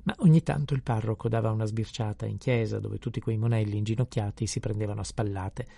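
Low, husky male narrator for a classic audiobook, measured and descriptive, dry close sound. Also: steady tone, warm tone, no room sound. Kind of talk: audiobook reading of a classic novel.

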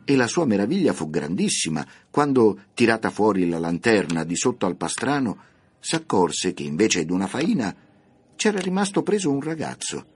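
A man narrating a classic children's story for radio, reading in a measured, expressive way. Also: fairly low pitch, slightly rough.

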